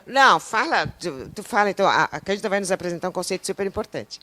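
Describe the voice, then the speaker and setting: Woman on a panel, thinking out loud, lots of "né" and restarts, mid pitch. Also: animated, fast. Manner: associative, rambling, many fillers and restarts. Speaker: psychoanalyst panelist. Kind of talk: academic panel talk. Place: lecture hall at a panel event.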